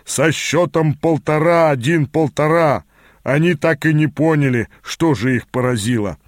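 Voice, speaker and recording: A man voicing a cheerful male gargoyle who speaks slowly and triumphantly. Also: medium pitch, lively intonation, no echo, clean studio sound, close to an everyday voice.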